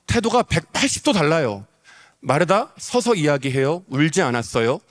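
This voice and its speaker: A man's voice: fairly high pitch, very animated, normal speed, a bit bright. A male pastor preaching an emotional sermon, repeating phrases for emphasis, in a large church sanctuary. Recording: long reverb of a church hall.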